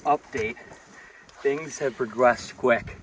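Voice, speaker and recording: A man hosting a casual fishing vlog outdoors on a lake boat, talking in an excited, chatty way. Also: mid-range voice, moderate pace, loud music behind the voice. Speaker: fishing vlogger. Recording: light outdoor noise.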